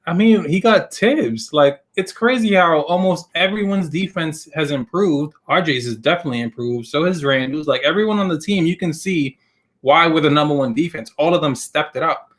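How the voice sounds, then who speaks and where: A man's voice: a little high, normal speed, fairly bright tone. A man co-hosting a live basketball stream, giving emphatic, opinionated takes in casual slang. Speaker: co-host of a live sports show. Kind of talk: casual sports chat.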